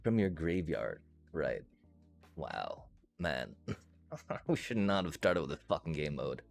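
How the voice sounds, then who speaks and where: Brief: deep, gravelly male streamer, swears and laughs through his frustration. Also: very animated, slow pace, faint music behind. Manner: frustrated, profane ranting with frequent laughs. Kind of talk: casual gameplay commentary.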